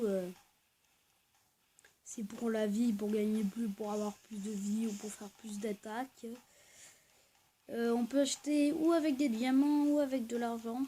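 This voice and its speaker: Hesitant soft-spoken woman gamer. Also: a little high, slight background noise, poor audio. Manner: hesitant, full of pauses and fillers. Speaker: gaming video host. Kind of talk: casual gameplay commentary.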